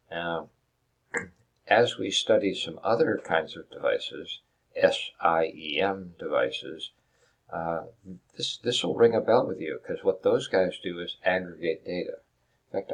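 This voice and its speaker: Low-voiced man lecturing over slides. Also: husky. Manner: explains step by step with restarts and rhetorical questions. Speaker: instructor.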